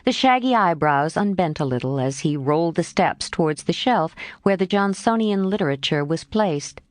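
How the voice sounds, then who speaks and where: Lady reading an audiobook, lowish voice, lots of lilt, super dry sound. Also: moderate pace, no echo. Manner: expressive storytelling. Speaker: audiobook narrator. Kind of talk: scripted narration.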